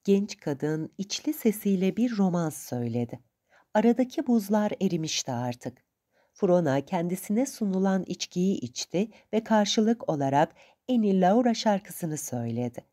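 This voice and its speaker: A woman narrating a novel for an audiobook in a calm, measured storytelling manner. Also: mid-range voice.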